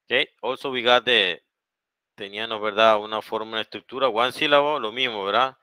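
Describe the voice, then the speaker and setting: A man's voice: lowish voice, fairly even intonation, normal speed, bright, forceful tone, clear, resonant tone, dry recording, low-quality recording. A man with a Panamanian Spanish accent teaching English grammar, mixing English and Spanish and checking often with "okay?" and "¿verdad?". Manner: speeds up for Spanish translations. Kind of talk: bilingual online grammar lesson.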